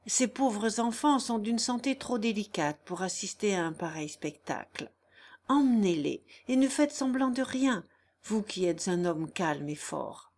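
A woman voicing a calm, grave male country doctor who speaks in a cool, matter-of-fact way. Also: mid-range voice, unhurried.

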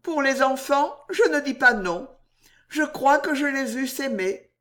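A woman voicing an emotional young courtesan in an audiobook, heartfelt and impulsive, with her voice lifted higher. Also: animated, takes it slowly. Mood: laughing. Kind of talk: audiobook character reading.

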